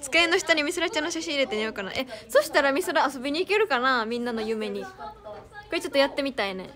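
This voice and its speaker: Giggly high-voiced woman with Kansai accent. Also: lively intonation, fast, pushed and bright. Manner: giggly, reads fan comments and thanks them. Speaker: idol streamer. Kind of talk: casual live stream chat.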